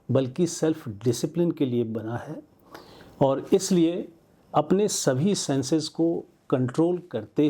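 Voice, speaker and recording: A man presenting a program in formal, measured narration. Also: medium pitch, warm tone. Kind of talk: scripted spiritual-educational narration.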